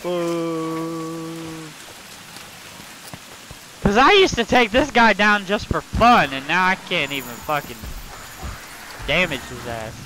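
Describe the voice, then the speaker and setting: Excitable, foul-mouthed male game streamer. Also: a little high, takes it slowly, long pauses, slight background noise, poor audio. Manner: excitable, swears constantly, yells at the game. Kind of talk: live gameplay commentary.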